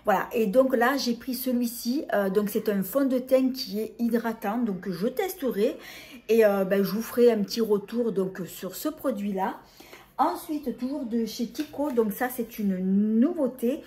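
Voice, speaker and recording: A woman's voice: on the high side, a little slow, warm tone. A middle-aged woman presenting a casual beauty haul, talking hesitantly with many fillers and restarts. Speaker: beauty vlogger.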